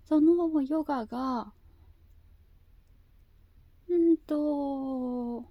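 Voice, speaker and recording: Woman w high cutesy anime girl voice, super slow n halting casual chat, dry close sound. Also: no echo, muffled recording. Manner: hesitant, halting, often repeating herself. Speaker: video host.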